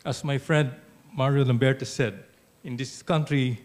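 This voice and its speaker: An older man with a Filipino English accent giving an economics lecture in a measured way, often adding "okay" and a dry touch of sarcasm. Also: mid-range voice, fairly even intonation, darkish tone. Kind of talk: academic lecture. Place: auditorium.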